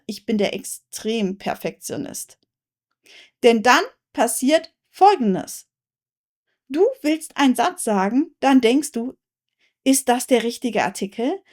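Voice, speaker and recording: A woman hosting a language lesson, speaking calmly and plainly so learners can follow every word. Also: fairly high pitch. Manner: calm, patient, speaks slowly and plainly for learners. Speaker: German teacher, channel host. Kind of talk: slow, clear teaching monologue to camera.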